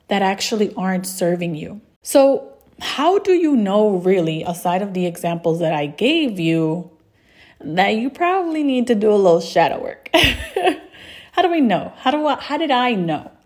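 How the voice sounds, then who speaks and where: A woman hosting her own podcast and talking straight to her listeners. Her voice sits at a middle pitch, and her delivery is casual. She laughs easily and often asks "right?" to keep them with her. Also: darkish tone. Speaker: podcast host. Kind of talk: solo podcast talk.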